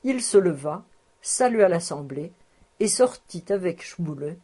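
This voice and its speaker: A woman reads a classic novel aloud as an audiobook narrator, measured and even. Her voice is mellow and dark, with a soft husky grain. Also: fairly low pitch.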